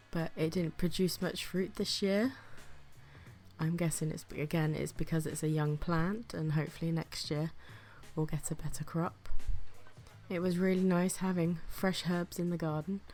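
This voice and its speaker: Faint music runs beneath this gardening vlogger's narration, delivered in a low, darkish, flu-roughened voice with a level tone and moderate pace. Her breathing is audible, and she keeps things chatty and self-deprecating, now and then slipping into a whispered aside.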